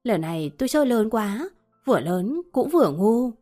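A woman narrating a first-person novel as an expressive audiobook reading. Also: on the high side, normal speed. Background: faint music.

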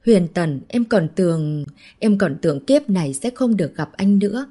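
A woman's voice: lowish voice, lively intonation, normal speed, warm tone, slightly rough. A woman reading an audiobook voices a weakened young wife who speaks tearfully. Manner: tearful, breathless. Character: young wife, weak and tearful after poisoning.

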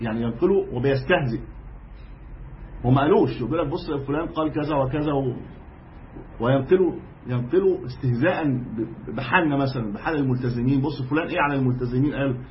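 A man's voice: a little high, slight background noise. A man with an Egyptian accent teaching a religious lesson as a sheikh, explaining emphatically and often restarting his phrases. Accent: Egyptian Arabic. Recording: dull lo-fi lecture recording.

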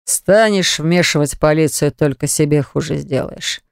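A woman narrator voicing a stern, domineering young man who speaks in slow, low, clipped commands. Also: gravelly, clean tone, dry recording, studio quality. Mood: menacing.

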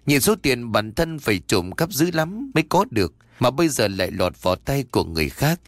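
A man narrating a ghost story in a lively, expressive storytelling manner. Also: medium pitch, fairly quick, dry recording.

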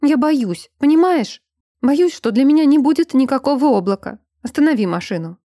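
A woman's voice: fairly high pitch, normal speed, mellow, no echo, studio quality, lightly acted. A woman voicing a frightened young vampire woman who pleads and raises her voice, in an audiobook. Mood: frightened shouting. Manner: pleading, raised voice when upset.

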